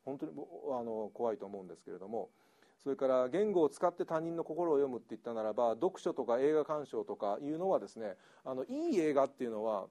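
A man's voice: mid-range voice, quick pace. A middle-aged man, an English teacher giving a chatty lecture that is full of laughter. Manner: lively, chatty, laughs often, slips into Kansai dialect. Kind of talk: lecture to an audience.

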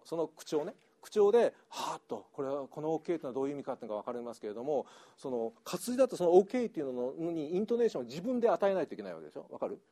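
A middle-aged man, an English teacher giving a chatty lecture that is full of laughter. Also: fairly high pitch. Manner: lively, chatty, laughs often, slips into Kansai dialect. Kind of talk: lecture to an audience.

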